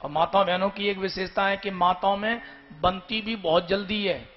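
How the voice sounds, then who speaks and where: High-voiced male religious storyteller. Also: fairly even intonation, normal speed. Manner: storytelling, calling out to the audience. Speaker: scripture storyteller. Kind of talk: devotional scripture discourse. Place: live gathering. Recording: dull lo-fi recording, faint music.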